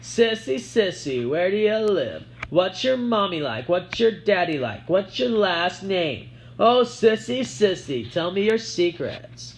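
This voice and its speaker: A man's voice: mid-range voice, moderate pace, slight background noise, natural voice. A man reading an audiobook, voicing a sly, show-off young girl who taunts in a sing-song way. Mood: teasing.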